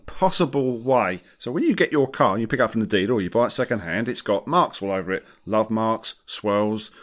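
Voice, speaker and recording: A man chatting casually as a podcast host, wry and jokey, using British slang. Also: on the low side. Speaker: podcast host and car detailer.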